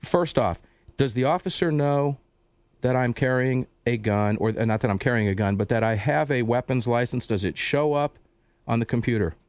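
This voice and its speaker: A man hosting a radio talk show, interviewing a guest in a conversational, animated way with frequent restarts. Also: medium pitch, normal speed, no echo. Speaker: host.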